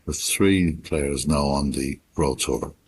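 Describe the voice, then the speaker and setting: A man commentating on sport in a hushed, unhurried golf-commentator manner, with measured, sparse phrases and long pauses. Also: rumbling low, a little hiss or hum. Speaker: snooker commentator.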